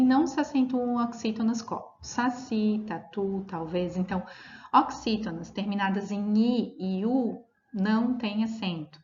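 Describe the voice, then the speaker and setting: A woman's voice: mid-range voice, darkish tone. Woman teaching grammar, roomy lo-fi. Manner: explanatory, checks in with "tá?" and "né?", spells out examples slowly. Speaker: Portuguese teacher. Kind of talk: recorded grammar lesson. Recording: roomy, dull lo-fi audio.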